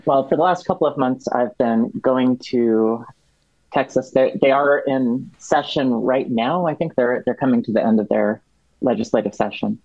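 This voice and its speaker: A man speaking as a podcast guest, explaining a policy issue in a measured, detailed way with frequent restarts. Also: mid-range voice, vocal fry, a little mellow, no room sound. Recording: dull, dry lo-fi sound.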